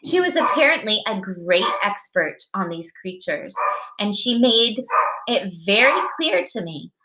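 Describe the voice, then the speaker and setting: A woman reading a storybook aloud to her child, with expressive narration. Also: medium pitch, echoey room, background noise.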